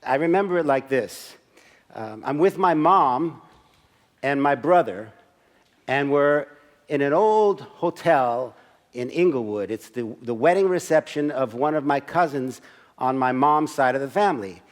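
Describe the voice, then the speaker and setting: A man's voice: mid-range voice, lively intonation, a little slow. A man in his sixties performs a personal story as a stage monologue at a church service. He talks in a conversational way and acts out the scenes with asides to the audience. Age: 60s.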